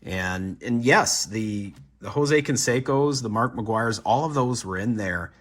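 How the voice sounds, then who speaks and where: A man's voice: on the low side, unhurried, noisy background. A man hosting a card collecting channel, wrapping up a box opening in casual, upbeat talk with many fillers. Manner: upbeat, rambling with frequent "uh" fillers. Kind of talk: casual wrap-up talk to viewers.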